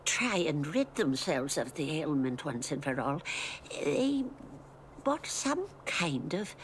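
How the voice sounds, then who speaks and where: A woman voicing a game character, a mother sadly recounting a family's tragedy in soft, sorrowful dialogue. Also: low-pitched, sing-song, slow, slight background noise, full character voice. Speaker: game character, a mother telling a sad story.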